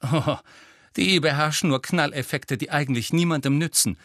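A man's voice: on the low side, little pitch movement, no room sound, studio quality. A man voicing a clever, bossy teenage girl witch who talks sharply and indignantly, in a German audiobook. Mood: scornful. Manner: sharp, indignant, quick when upset.

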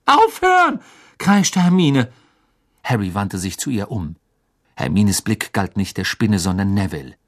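A man reading an audiobook as narrator, measured and expressive storytelling. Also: low-pitched. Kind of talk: scripted narration.

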